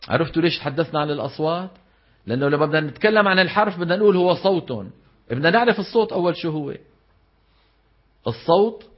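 Levantine guy teaching a class, higher voice, keeps quizzing students, muffled lo-fi audio. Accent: Levantine Arabic. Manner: asks the class rhetorical questions and demonstrates sounds aloud. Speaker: Quran recitation teacher. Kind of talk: classroom lecture. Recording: dull lo-fi lecture recording.

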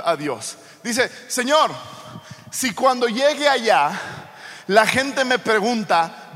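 A man's voice: sits high, fairly bright tone. A man preaching a sermon, telling the story with humorous asides and building to fervent proclamation. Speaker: pastor. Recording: long hall reverb.

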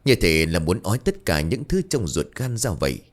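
A man narrating a scripted horror story in an expressive storyteller voice. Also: low-pitched, moderate pace.

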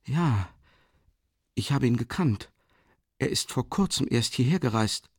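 A man voicing a withdrawn young man in an audiobook, subdued and halting, with hesitations. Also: medium pitch, expressive, slightly rough, no echo, studio quality. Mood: hesitant. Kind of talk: audiobook character reading.

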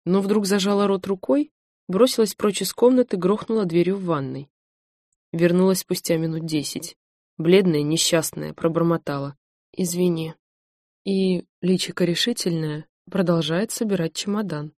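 A woman reads a novel aloud as an audiobook narrator. Her voice is low-pitched and her telling is even and measured. The sound is close, with no room echo. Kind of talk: scripted narration.

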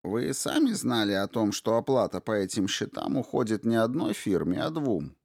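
A man's voice: lowish voice, sing-song, normal speed, a little mellow, no room sound, clean studio sound. A man voicing a sly male investigator who asks probing questions in an innocent tone.

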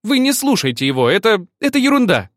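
A flustered, polite young woman, put on by a male narrator, protesting in a hasty, raised voice. Her pitch leaps around in lively swings. The storybook reading sounds dry and close. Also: brisk, no echo.

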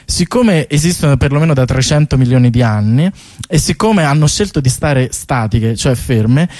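Chatting informally on a radio show, a man who's an artist explains his bike tour project with animated, colloquial enthusiasm. His medium-pitched voice has a darkish tone and lively intonation, he speaks at a moderate pace, and there's no echo.

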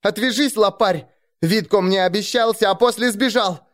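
A man voicing a spiteful young village girl who sobs and hisses in a high, shrill voice. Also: moderate pace, close to an everyday voice. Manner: shrill, tearful, hissing. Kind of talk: audiobook character voice.

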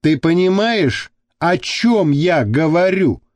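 A man's voice: fairly high pitch, lively intonation, slow, a little mellow, dry recording. A man reading the part of a rude, brutish thug who growls and snaps at people. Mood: gruff. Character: rough brutish male thug, quick to snap.

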